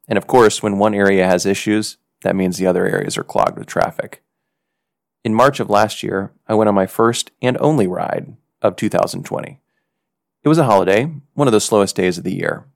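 In scripted podcast narration, a US man tells a personal story with earnest reflection and measured delivery. He has a lowish, gravelly voice, captured in a dry, studio-quality recording.

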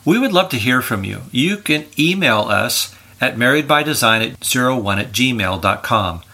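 Older man, podcast co-host, bright tone, earnest, encouraging. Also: medium pitch, expressive, normal speed.

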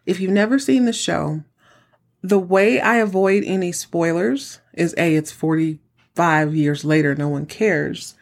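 Campy, theatrical woman podcast host with lowish voice. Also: unhurried, creaky. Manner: chatty, exclamatory, dramatic emphasis. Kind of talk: casual TV recap podcast.

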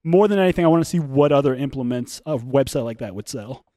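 A man's voice: medium pitch, lively intonation, fast talker, mellow, dry recording, clean studio sound. A man hosting a casual podcast, reacting to videos with crude banter and frequent laughter. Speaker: podcast host.

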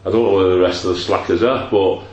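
A man's voice: sits low, steady tone, fast talker, a little mellow, lo-fi sound. A man with a bit of a cold hosting a casual football podcast, rambling and joking with fillers, his voice ringing with strong room echo. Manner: rambling, jokey, trails off with fillers. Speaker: podcast host. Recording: echoey room with faint noise.

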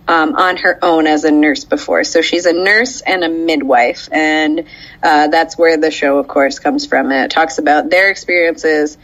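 A woman co-hosting a podcast, explaining a show at length with many ums and frequent laughs. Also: deep voice. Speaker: podcast co-host. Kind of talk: casual chat, recapping a show. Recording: dull lo-fi audio.

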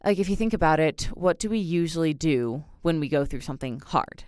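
Young female podcast host, casual self-help monologue; clear, resonant, slightly low voice. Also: lively intonation, a little fast, darkish tone, dry recording, clean studio sound. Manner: chatty, uses lots of "like".

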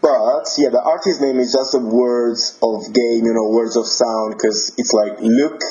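A man's voice: medium pitch, steady tone, measured pace, warm tone, highs cut off. A young man in his twenties from Italy, speaking English with an Italian accent as a guest musician, friendly and laughing easily while he searches for words. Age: 20s. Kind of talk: casual interview.

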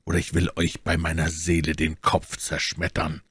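A man voicing a stern nobleman in an audiobook, speaking slowly, coldly and with measured menace. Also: deep voice, fairly even intonation, breathy edge, no room sound, studio quality. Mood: threatening. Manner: slow, measured, threatening. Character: stern cold nobleman, adult, menacing calm. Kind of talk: audiobook character voice.

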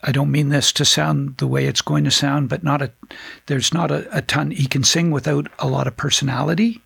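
A man's voice: fairly high pitch, flat delivery, a little fast, gravelly, a bit bright, breathy edge, no echo. An older man, a band singer, chatting in an interview in a rambling, self-deprecating way, with many restarts. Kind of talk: casual interview chat. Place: studio.

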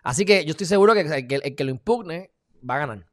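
A man's voice: a little high, lively intonation, fast talker. Heated Puerto Rican man ranting live. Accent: Puerto Rican Spanish. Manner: emphatic and heated, with sudden loud outbursts; informal, addresses viewers as "mi gente". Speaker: live-stream political commentator. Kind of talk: casual live video commentary.

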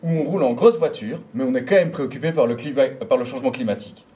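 Mellow man telling a story. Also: mid-range voice, fast talker. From Belgium. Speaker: storyteller performing an autobiographical monologue. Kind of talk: dramatic first-person stage storytelling.

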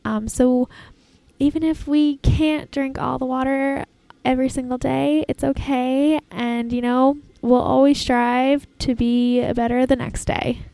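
A woman hosting a casual, reflective solo podcast in an informal, halting way, recorded in an airport terminal. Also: high voice, fairly even intonation, vocal fry, dark tone, no echo. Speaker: podcast host. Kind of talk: casual solo podcast talk, self-help advice.

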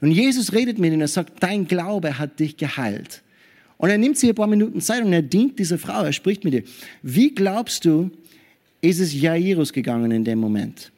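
A man preaching a sermon in an animated way, often checking in with his listeners and adding hallelujah and amen. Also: sits high, brisk. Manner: animated preaching with frequent tag questions.

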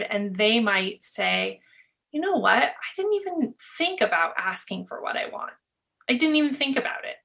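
A woman's voice: medium pitch, vocal fry, bright, forceful tone. A woman hosting an interview podcast, reflecting thoughtfully and gratefully to her guest. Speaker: podcast host. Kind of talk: interview conversation.

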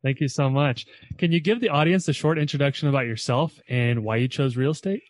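A man's voice: medium pitch, a little fast, no echo. Male podcast host, chatty and upbeat, mid-range voice, dry close sound. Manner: upbeat, conversational, with casual fillers. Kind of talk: podcast interview.

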